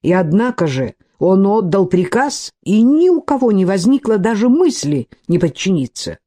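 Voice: medium pitch, big pitch swings, moderate pace, dark tone, pitched above the performer's own voice. A reader voicing a proud, hot-tempered young aristocrat who speaks curtly and flares up. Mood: heated. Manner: curt, seething, rising to outbursts.

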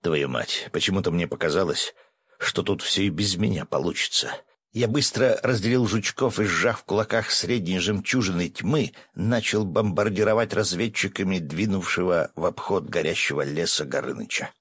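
A man narrating a first-person adventure audiobook, brisk with coarse asides. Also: low-pitched, lively intonation, fairly bright tone, slightly rough, no echo.

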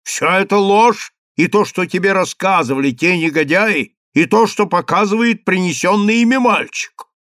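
A man performs a frantic older chief rabbi in an audiobook, his voice pushed up high and strained as he implores. The tone carries a gravelly edge, recorded close and dry. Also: expressive, slow pace, hardly any pauses, sharp tone, dry recording, exaggerated voice. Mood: indignant.

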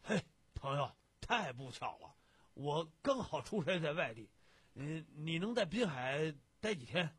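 A blustery middle-aged man on the phone, shouting in a much higher, strained voice full of excitement, as a male reader puts him on. His speech climbs and swings and never settles. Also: a little slow, breathy edge, no echo, heavily acted. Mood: hesitant, evasive.

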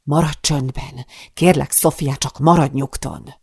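A grim, commanding man from an audiobook thriller, voiced by a woman reading it. He speaks in firm, clipped, urgent bursts with a heavily gravelly, creaky edge. The sound is dry and close. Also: rumbling low, steady tone, a little mellow, no echo, heavily acted. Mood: pleading. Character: tense adult man, gangster lover, commanding.

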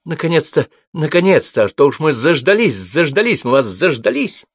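A man voicing a boisterous horse husband who repeats his loud exclamations. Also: fairly low pitch, steady tone, moderate pace, no echo, studio quality, lightly acted.

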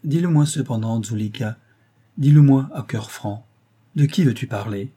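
A man's voice: mid-range voice, animated, normal speed, mellow, breathy edge. A man voicing a troubled young husband in an audiobook reading, with anxious, urgent questioning.

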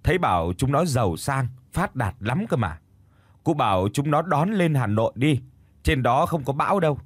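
A man voicing a bustling old village woman who shouts urgently to a half-deaf neighbor. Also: medium pitch, very animated, husky, dry recording. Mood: urgent, shouting. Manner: shouting slowly into a deaf ear. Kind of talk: storytelling.

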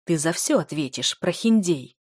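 A haughty noble lord hisses and blusters at everyone around him, as a woman reader puts him on. His voice is low, loud and forceful, and it rings dry in a close, deadened room. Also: lively intonation, normal speed, breathy edge, no room sound. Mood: outraged. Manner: hissing, blustering, indignant. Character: arrogant pompous male aristocrat lord, middle-aged.

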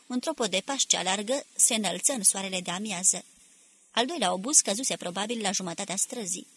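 A woman narrating a novel in a steady, measured audiobook reading. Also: mid-range voice, breathy edge. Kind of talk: scripted literary narration.

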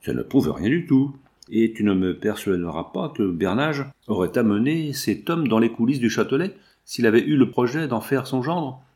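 A man's voice: medium pitch, lively intonation, normal speed, a little mellow, lightly acted. A man reading aloud in the part of a jilted young man who grumbles and sulks. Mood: sulky. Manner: grumbling, vexed. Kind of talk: audiobook reading.

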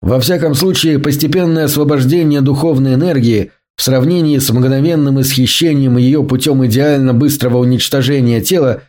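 A man voicing a calm, coldly determined male scientist in an audiobook, with a measured, lecturing delivery. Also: medium pitch, lightly acted. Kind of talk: audiobook reading.

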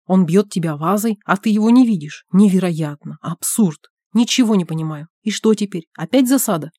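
A man's voice: high voice, no echo, studio quality. A woman voicing an agitated, talkative man who keeps pressing his friend with questions, reading an audiobook. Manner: excited rapid-fire questioning.

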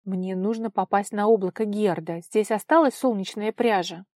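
A woman's voice: medium pitch, moderate pace, no room sound, natural voice. A woman voicing a determined young heroine in a storybook reading, speaking firmly and commandingly. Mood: resolute. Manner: forceful, commanding.

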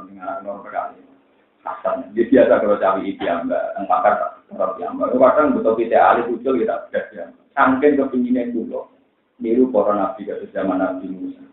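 A man with a Central Javanese accent preaching a religious lecture, telling stories in a lively way that mixes jokes and pleading. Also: fairly low pitch. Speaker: Islamic preacher. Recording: echoey, tinny lo-fi recording.

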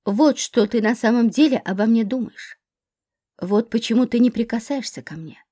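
A woman reading the part of a furious, bitter husband who shouts accusations at his wife in an audiobook. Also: a little high, moderate pace, natural voice.

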